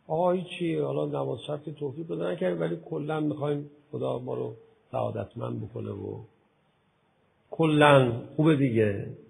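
A man preaching a religious sermon, acting out imagined talks with his listeners, going from a soft murmur to loud outbursts. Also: fairly high pitch, fairly even intonation, gravelly, slightly rough, poor audio. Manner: acts out both sides of imagined dialogues with listeners; swings from soft murmur to loud impassioned exclamation.

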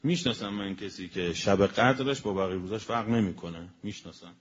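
A man giving a colloquial religious sermon as a preacher. He spells out word meanings slowly and with emphasis, then speeds up. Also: lowish voice. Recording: dull lo-fi recording with faint noise.

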